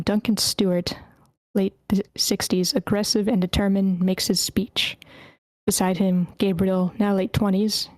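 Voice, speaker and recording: Woman reading screenplay directions, flat. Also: medium pitch, no room sound. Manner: steady reading, stumbles over character names. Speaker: reader of scene directions at a script table read. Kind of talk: reading screenplay action lines aloud. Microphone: computer mic in an online meeting.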